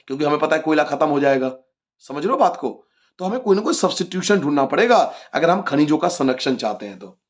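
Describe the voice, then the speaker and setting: A male teacher with a slightly raised pitch explains a school geography lesson to his students. He asks his own questions, answers them, and goes back over the key points. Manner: addresses students as children.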